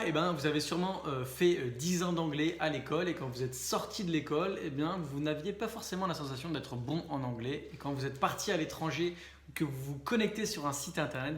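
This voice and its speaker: A young French man talking casually to camera, chatty, with frequent fillers and quick self-corrections. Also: a little high, fairly bright tone, roomy sound. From France. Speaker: vlogger and speaking coach.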